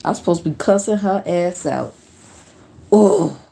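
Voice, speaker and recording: A woman's voice: fairly low pitch, fast talker, gravelly, low-quality recording. A middle-aged woman streamer telling stories in a blunt, profane, fired-up casual rant. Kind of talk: casual ranting chat. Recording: steady background noise.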